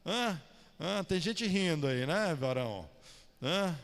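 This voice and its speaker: A man's voice: a little high, expressive, slow pace, fairly bright tone. A man preaching a sermon, firing questions at the congregation and calling on listeners by name. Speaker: pastor. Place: church hall. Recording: long church hall reverb.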